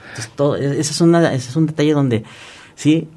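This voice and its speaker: A man, an online course teacher, explaining as a guest in a radio booth, often restarting words and filling pauses with "este". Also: a little high, darkish tone. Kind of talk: explanatory interview talk.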